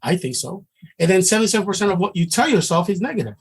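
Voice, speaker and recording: Racing along with big swings in pitch, a middle-aged Samoan man's high, breathy voice leads a trading class. He is earnest and conversational, repeatedly beginning his sentences again.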